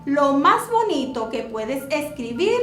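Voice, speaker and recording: Very high-voiced slow female teacher. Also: sing-song, a bit bright. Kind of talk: slow, deliberate classroom explanation for children. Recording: echoey room with faint music.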